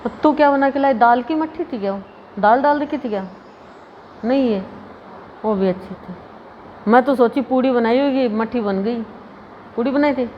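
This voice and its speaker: A woman preacher gives a homely devotional talk, chatty and quick to laugh at her own anecdotes. Her voice sits a little high. It carries a long hall reverb over faint ambient noise. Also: lo-fi sound. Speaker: spiritual preacher.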